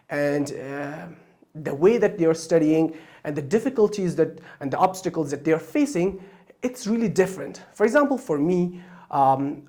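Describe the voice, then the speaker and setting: Talking through a language course plan off the cuff, this Afghan host of an online Chinese course, a Persian and Pashto speaker, has a darkish tone at a middling pitch. His delivery is hesitant and full of fillers and restarts, jumping upward in pitch whenever he stresses a word.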